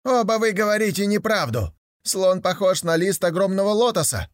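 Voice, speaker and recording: A man voicing an indignant blind beggar in a fable, exclaiming loudly. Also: mid-range voice, steady tone, drawn-out words, dry recording. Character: blind beggar, loud, quarrelsome, shrill.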